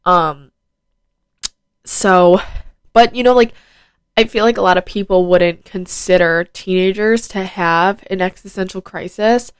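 At home with a phone-connected mic, a fifteen-year-old girl hosts a casual solo podcast, speaking in an unhurried way with lots of fillers. Her medium-pitched voice is smooth yet nasal from a head cold, and the recording is dry.

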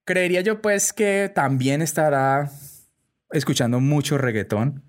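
A man's voice: a little high, unhurried. A young adult Colombian man hosting a casual commentary monologue, chatty and full of tag questions. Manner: chatty, peppers speech with "pues" and "¿cierto?". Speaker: host.

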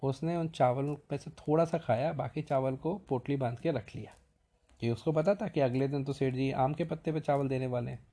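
A man's voice: mid-range voice, a little fast. A man with a Madhya Pradesh Hindi accent, casually narrating a funny folk tale in a repetitive oral style. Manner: relaxed, repetitive oral storytelling. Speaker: storyteller.

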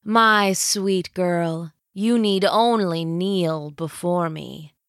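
A woman voicing a shrewd, regal old villainess in armor who speaks slowly and commandingly. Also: on the low side, a bit bright, no echo, clean studio sound, heavily acted. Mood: gloating. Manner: slow, gloating, commanding.

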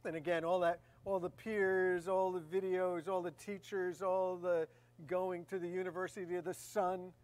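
A woman's voice: lowish voice, flat delivery, moderate pace, darkish tone. A woman preaching a sermon in a conversational way, often repeating key phrases for emphasis.

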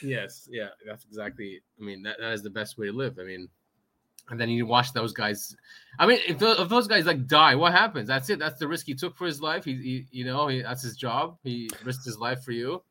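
A man's voice: medium pitch, a little fast, pushed and bright. A man co-hosting a podcast in casual chat, laughing often and repeating himself as he tells a story. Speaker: podcast co-host.

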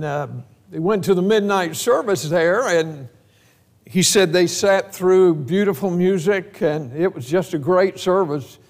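An older man with a high-pitched voice, preaching in an easy, joking, storytelling way. He takes his time. The sermon rings through a church hall with a long reverb. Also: darkish tone. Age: 70s. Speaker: pastor. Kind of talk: homecoming sermon. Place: church sanctuary.

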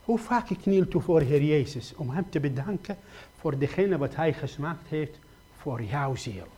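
A man from Iraq, preaching a sermon, swinging from loud exhortation to quiet pleading with repeated rhetorical questions. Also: on the high side, expressive, a little slow, husky.

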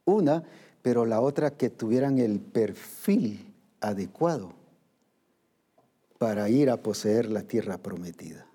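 A man's voice: lowish voice, animated, a little slow, long pauses, warm tone, slightly rough. A man preaching a sermon, asking questions and acting out the voices of worried believers.

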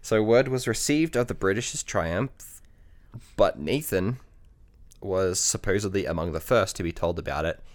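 A man with a very low voice narrates history for a podcast in a relaxed chat. He pauses often, fills gaps with ums and corrects himself as he goes. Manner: relaxed, hesitant, many ums and restarts. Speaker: podcast co-host telling a history story. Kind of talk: casual storytelling chat.

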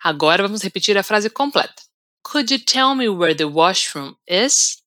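A Brazilian woman hosts an English-lesson podcast from a script. She repeats each word slowly and carefully for the listener to copy. Her voice is bright and forceful, and the recording is dry and close. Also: mid-range voice, lively intonation, dry recording. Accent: Brazilian Portuguese. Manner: slow, deliberate repetition for learners. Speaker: English teacher, podcast host.

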